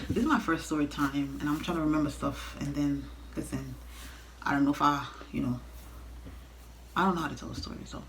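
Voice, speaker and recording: A young woman telling a casual, animated storytime rant, blunt and exasperated, swearing freely as she talks straight to viewers. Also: sits low, slight background noise, low-quality recording. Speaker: storytime vlogger.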